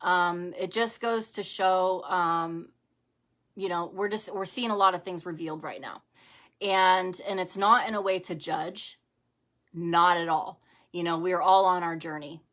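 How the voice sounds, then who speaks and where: A woman's voice: on the low side, fairly even intonation, a little slow, a bit bright. A middle-aged woman hosting a live-streamed devotional talk from home, speaking conversationally with many fillers and repeated phrases. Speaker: ministry host.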